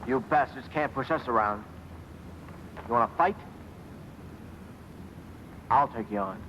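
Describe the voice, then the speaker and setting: A man plays a threatening, defiant fighter in an overacted kung fu film dub. The voice is bright and forceful, at a middling pitch. The old soundtrack carries some faint noise. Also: unhurried, close to an everyday voice, low-quality recording. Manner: confrontational, threatening.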